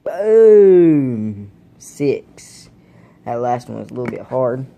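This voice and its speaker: A man's voice: medium pitch, flat delivery, quick pace, creaky, dark tone. A young man in a casual home video, talking in a laid-back, rambling way to his viewers, with the hiccups. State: has the hiccups. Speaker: vlogger reviewing dip tobacco. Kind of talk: casual vlog chat. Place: indoors at home, camera propped on a blanket.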